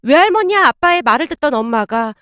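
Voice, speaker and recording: A woman's voice: sits high, expressive, fast talker, fairly bright tone, no room sound, studio quality. A woman narrating a family story in the first person with polite storytelling speech.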